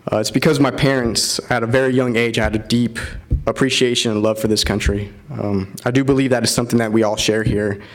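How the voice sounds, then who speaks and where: A man in his thirties from Florida, an army officer giving an earnest ceremonial keynote speech with frequent fillers. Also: mid-range voice.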